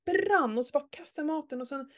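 Her voice sits high as this middle-aged woman, talking openly and informally, recounts an emotional personal tale. It's peppered with profanity and lively outbursts.

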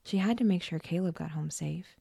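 Low gravelly woman whispering a scary story. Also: brisk, no room sound, studio quality. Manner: hushed, often whispered. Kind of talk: scripted horror story narration.

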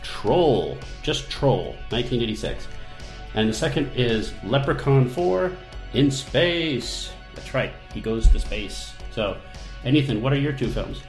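Male podcast host, rambling self-mocking banter, mid-pitched, roomy sound. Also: animated, measured pace, faint music behind. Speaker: podcast host and managing editor. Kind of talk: casual podcast chat.

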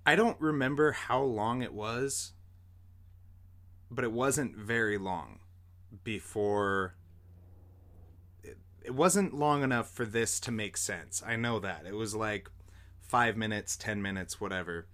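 A man's voice: fairly low pitch, slow, pauses often, a bit bright. A young man, a podcast host, telling a story in a rambling, casual way, full of fillers and the odd swear word.

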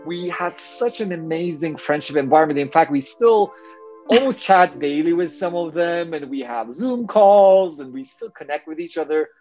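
A man's voice: on the high side, moderate pace, darkish tone, muffled recording, soft background music. A man, a guest speaking thoughtfully and hesitantly with many fillers in a casual interview. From Turkey. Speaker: guest, engineering professor.

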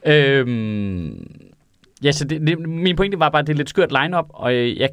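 A man's voice: a little high, expressive, a bit bright, clean tone, no room sound. A man in casual podcast chat, loose and profane, laughing often.

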